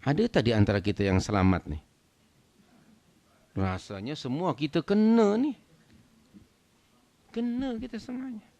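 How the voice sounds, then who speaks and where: Speaking to a congregation, a male religious teacher delivers a lecture full of rhetorical questions that build into loud, emphatic points, with English words mixed in. His voice is medium-pitched with huge swings in pitch, at a moderate pace broken by long pauses.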